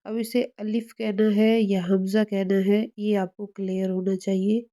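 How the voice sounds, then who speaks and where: Slow, even-toned woman teaching recitation. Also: mid-range voice. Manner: slow, patient explaining, demonstrating sounds. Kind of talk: tajweed lesson.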